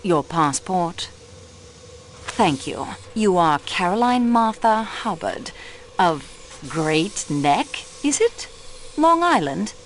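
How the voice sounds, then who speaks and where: Woman as polite formal investigator, calm questioning, lively pitch, faint hiss. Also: slow. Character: polite, patient assistant to a French detective.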